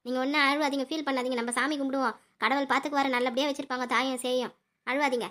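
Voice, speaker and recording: A woman's voice: sits high, fairly even intonation, racing, fairly bright tone. A woman voicing a bossy, anxious middle-aged mother-in-law in a family cartoon. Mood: fussing. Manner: bossy and anxious, prays aloud. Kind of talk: cartoon voice acting.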